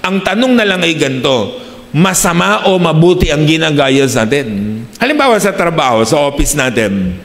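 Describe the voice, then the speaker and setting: Filipino male pastor, mid-high voice, sermon mixing in English, recorded in a reverberant church hall. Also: sing-song, moderate pace, vocal fry, fairly bright tone. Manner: mixes English phrases into his preaching, asks the congregation "di ba?". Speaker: preacher.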